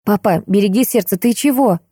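Young woman, stubborn and caring daughter, soft and level, read by a woman narrator in a higher voice. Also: fairly quick, husky, dry recording, studio quality, close to an everyday voice. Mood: reassuring. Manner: quiet, even, gently defiant.

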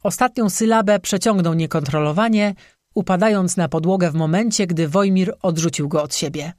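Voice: medium pitch, normal speed, a little mellow, no room sound, clean studio sound. A reader giving vivid scripted narration of a folk legend. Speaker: audiobook narrator.

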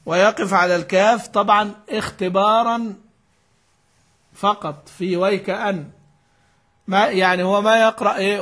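High-voiced man explaining recitation rules. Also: fairly bright tone. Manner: explains patiently, repeats key words, asks and answers himself. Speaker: sheikh teaching Quran recitation. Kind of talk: classical Arabic lesson commentary.

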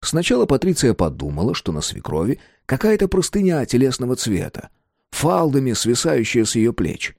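A man reads a novel aloud in an expressive, scripted narration. His pitch moves in a lively way, and the recording is close and dry. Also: moderate pace, creaky, dry recording. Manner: expressive reading that voices each character. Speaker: audiobook narrator.

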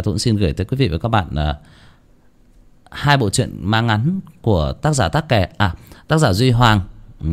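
A man, a channel host, reading a village ghost story and pausing with fillers between phrases. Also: on the low side. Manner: hesitant, many fillers in the intro.

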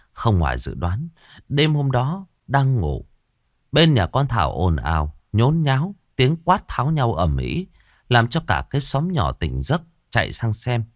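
Lively male ghost-story narrator. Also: on the low side, no echo, clean studio sound.

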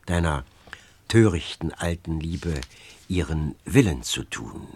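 A man's voice: a bass voice, expressive, darkish tone, slight background noise, voice pushed down, full character voice. A man doing a stern, resigned man. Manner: stern, measured, firm. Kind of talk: audiobook reading.

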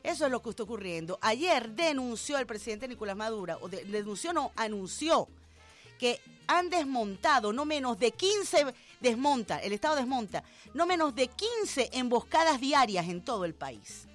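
A woman's voice: fairly high pitch, very animated, normal speed, faint music behind. A Venezuelan woman hosting a radio show, giving emphatic, indignant commentary with sarcastic asides. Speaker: radio host.

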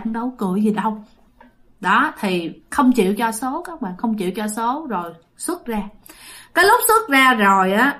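A woman's voice: a little high, fairly bright tone. Chatty woman storyteller. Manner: chatty, addresses listeners directly. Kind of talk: ghost story narration.

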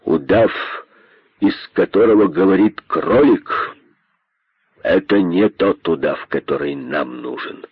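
A great python king, voiced by a man, speaks with slow, cold contempt and open menace. His voice sits deep and husky, and it is dry and a bit dull, like an old audiobook recording. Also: lively intonation, no echo, heavily acted. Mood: menacing.

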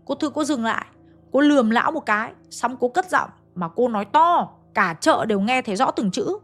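A woman narrates a ghost story while chatting directly with her listeners, her voice on the high side, a bit bright, and lively in intonation at a normal pace. Faint music plays behind her.

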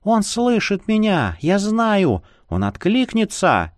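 A man voicing a gentle young woman healer in a soft, raised voice. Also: huge pitch swings, slow, no room sound, studio quality, full character voice. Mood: insistent. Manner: soft, high, soothing.

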